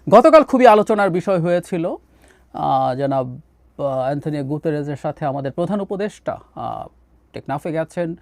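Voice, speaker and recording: Animated man, political commentary. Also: fairly high pitch, normal speed, no room sound, clean studio sound. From Bangladesh. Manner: animated, drops into English phrases, many "ah" fillers.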